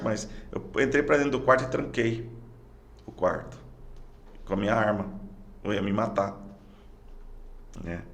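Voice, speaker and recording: A middle-aged man with a Brazilian Portuguese accent, a podcast guest telling a personal story in a halting way, often repeating words and restarting phrases. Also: medium pitch, gravelly. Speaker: podcast guest, police sergeant. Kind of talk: personal testimony in casual conversation.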